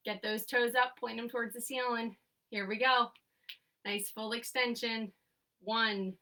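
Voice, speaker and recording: A young exercise instructor leads a seated class remotely from home, recorded from a distance as she counts reps aloud and gives short, upbeat coaching cues. She sounds a little high, pushed and bright, with a steady tone and a slightly slow pace.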